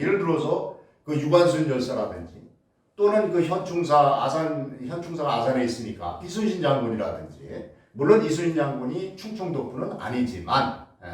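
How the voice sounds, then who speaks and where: A male lecturer whose voice sits on the high side with a darkish tone talks about the humanities to the public. He keeps asking questions and answering them, often restarting and using lots of fillers. Sound comes from a distant mic in a strongly echoing lecture hall.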